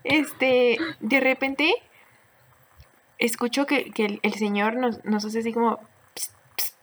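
A woman's voice: a little high, level tone, takes it slowly, fairly bright tone. A young woman with a Mexican accent, casually telling a strange story as a podcast co-host, laughing often and using slang. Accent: Mexican Spanish.

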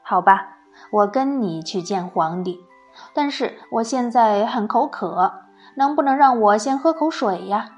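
A woman doing a calm, low male magician. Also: faint music behind, natural voice. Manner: calm, unhurried.

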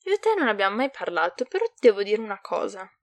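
A woman's voice: mid-range voice, very animated, fast, gravelly, dry recording. A woman voicing a drunk, dazed teenage boy wizard who rambles and slurs his words, read from a storybook. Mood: drunken. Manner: slurred, dazed speech.

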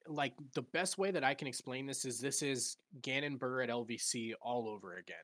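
A man talks through a sports argument in a casual podcast chat, voice sitting at a middle pitch. He often restarts his sentences as he builds a point. The sound is dry and close, with no room echo. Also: fairly bright tone. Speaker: podcast co-host.

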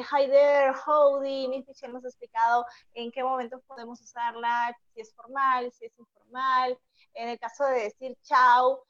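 A woman with a high voice hosts an English lesson show, explaining carefully and repeating each point so it sticks. The sound is a bit dull and lo-fi. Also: a bit bright. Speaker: host of an online English program. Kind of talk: hosting an English lesson broadcast.

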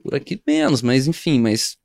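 A man in casual chat, slangy and animated, swearing freely. His voice sits at a middle pitch. He is recorded dry and close, with no room sound. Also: moderate pace, vocal fry, no room sound. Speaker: comedian.

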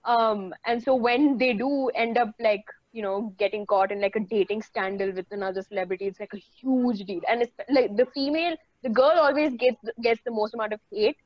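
A young woman in casual chat as a co-host, animated and filling her talk with "like". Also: fairly high pitch, brisk, few pauses, no echo, lo-fi sound. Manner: animated, says "like" a lot.

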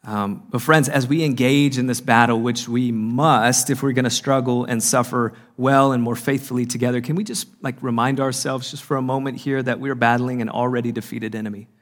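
An earnest man giving a sermon at a marriage conference, slowing down to stress key lines. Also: medium pitch, fairly even intonation. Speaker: conference speaker. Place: conference hall.

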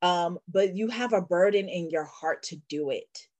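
A woman with a lowish voice shares her faith in a relaxed conversation. She speaks earnestly, in a testifying way, and gets lively when she tells a story. The sound is dry and close. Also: moderate pace, no room sound. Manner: earnest, testifying, animated when telling stories. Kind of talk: faith-based casual conversation.

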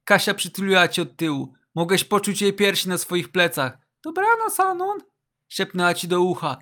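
A man's voice: high voice, a little fast, bright, forceful tone. A man narrating a story in the second person in a casual, slangy, joking way, reading internet asides aloud.

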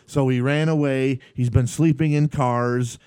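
A man's voice: mid-range voice, fairly even intonation, a little slow, darkish tone, clean tone, no room sound, clean studio sound. A man hosting a live podcast, telling stories animatedly and laughing often in casual chat. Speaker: podcast host.

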